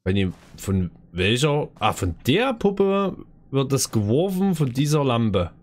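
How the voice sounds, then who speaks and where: A man's voice: medium pitch, sing-song, slow pace. A man giving casual let's play commentary on a horror game, a scared, jumpy streamer who talks to viewers and to the game's characters.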